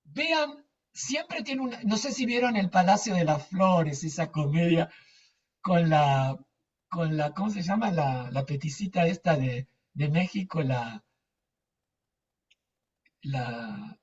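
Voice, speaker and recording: A man chats casually on a video call and wanders through his story while he gropes for names. His voice is husky and breathy. It comes across distant and dull, like muffled lo-fi call audio. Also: on the high side, lively intonation, takes it slowly, long pauses, a little mellow. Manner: rambling, searches for words, anecdotal. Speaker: lecturer. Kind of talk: casual chat with a group.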